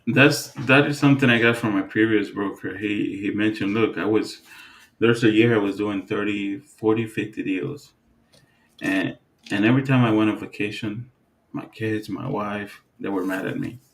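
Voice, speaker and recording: A man from the Dominican Republic co-hosting a podcast, talking in a relaxed, halting way with many fillers and restarts. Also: fairly low pitch, a little hiss or hum. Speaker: podcast co-host. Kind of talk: casual chat.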